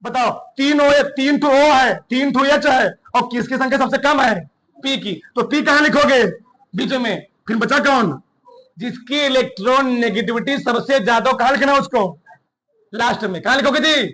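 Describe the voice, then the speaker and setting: A male chemistry teacher, speaking in a strikingly high, bright and forceful voice. He keeps throwing questions at his class and answering them himself, then dictates notes word by word with repeats. His tone is a brisk classroom lecture. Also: rough recording. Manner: drills students with call-and-response questions.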